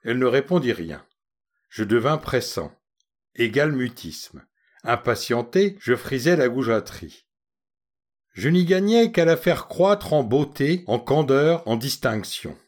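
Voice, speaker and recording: A man reading a literary short story aloud with an expressive, ironic manner. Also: medium pitch, a little slow. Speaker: narrator.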